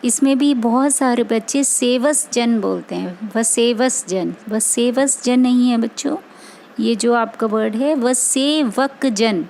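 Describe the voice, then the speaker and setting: A woman's voice: on the high side, measured pace, creaky, mellow, a little hiss or hum, low-quality recording. A woman music teacher giving an online class, patiently correcting her pupils' pronunciation word by word. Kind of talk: online class lesson on singing a prayer.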